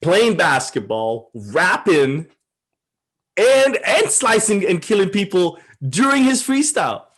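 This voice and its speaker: A man's voice: sits high, very animated, slow pace, a bit bright, breathy edge. A man co-hosting a casual podcast chat, talking in slangy, emphatic hype. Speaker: podcast co-host.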